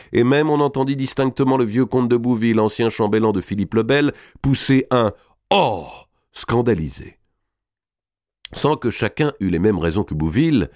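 A man's voice: low voice, a little mellow, dry recording, clean studio sound. A man narrating a historical novel as an audiobook, reading expressively and dramatically.

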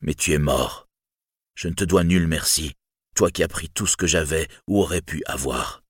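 A man voicing a bitter, weary lame man in an audiobook, speaking in a measured, earnest way. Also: extremely low pitch, husky, no room sound, clean studio sound. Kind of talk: audiobook reading.

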